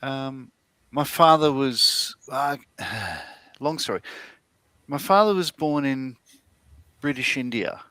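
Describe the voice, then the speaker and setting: A man's voice: mid-range voice, expressive, slow pace, long pauses, bright, forceful tone, dry recording. A middle-aged Australian man co-hosting a livestream, chatting casually and telling rambling stories with lots of fillers and restarts. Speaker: livestream co-host. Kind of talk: casual chat.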